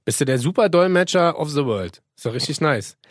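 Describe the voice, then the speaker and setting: A man's voice: a little high, lively intonation, a little fast, no echo, studio quality. A man co-hosting a casual podcast, joking, laughing often and talking at length. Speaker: podcast co-host. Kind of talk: casual chat.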